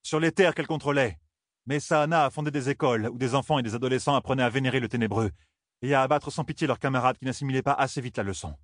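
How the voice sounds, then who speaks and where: A man voicing a young male hero in an audiobook, stern and commanding, rising to shouts when angered. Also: medium pitch, fast talker, dry recording, clean studio sound, voice pushed up, close to an everyday voice.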